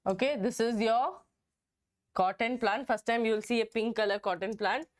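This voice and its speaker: Hoarse woman teaching biology. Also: on the high side, moderate pace. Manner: repetitive, checks in with "okay". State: hoarse from a throat infection. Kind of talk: online exam-prep lesson.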